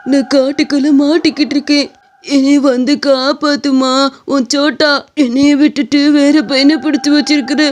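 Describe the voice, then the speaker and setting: A woman voicing a young man who pretends to be a lost, frightened little boy, pleading slowly. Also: high voice, level tone, natural voice. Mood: pleading scared. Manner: slow, pleading, whimpering.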